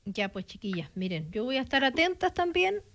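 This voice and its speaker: A woman's voice: high-pitched, sing-song, a little fast. Woman hosting a radio call-in. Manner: warm, addresses callers familiarly. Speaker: radio host.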